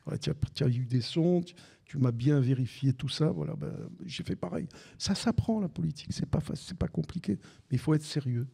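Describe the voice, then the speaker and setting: An older man with a Marseille accent, telling lively anecdotes as a podcast guest and acting out the dialogue. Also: a little high, fairly quick, vocal fry, slightly rough. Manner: animated anecdotes with repeated restarts and acted-out dialogue. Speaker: guest, former sports radio commentator. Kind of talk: storytelling in a live podcast conversation.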